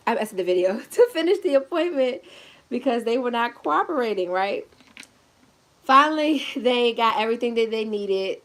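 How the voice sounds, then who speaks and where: A woman's voice: mid-range voice, a bit bright. Tired, chatty young woman vlogging at home. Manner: chatty, rambling, laughs often, addresses viewers as y'all. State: tired, a bit out of breath. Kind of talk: casual pregnancy update vlog. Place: indoors at home, seated in a chair. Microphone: camera set at a distance.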